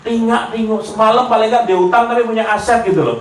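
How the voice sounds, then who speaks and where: A man's voice: high-pitched, fast talker, a little hiss or hum. A man with a Javanese accent giving a humorous sermon, telling stories and acting out the voices of the people in them. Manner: animated, jokey, slips into Javanese, acts out voices. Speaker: preacher. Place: lecture hall with audience laughter. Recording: echoey hall, heard from a distance.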